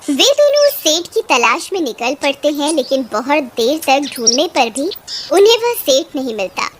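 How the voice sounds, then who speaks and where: A woman's voice: high voice, big pitch swings, normal speed, a little hiss or hum. A woman narrating a children's cartoon story in a scripted storytelling voice.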